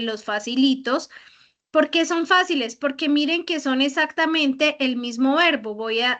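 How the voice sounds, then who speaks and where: A woman with a high voice teaches English grammar online and walks through verb forms patiently. She leans on repeated examples. The audio is a bit dull and lo-fi. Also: fairly bright tone.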